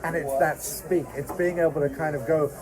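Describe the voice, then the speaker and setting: Higher-voiced man chatting in a busy diner. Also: steady tone, normal speed. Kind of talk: casual chat in a diner. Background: crowd chatter.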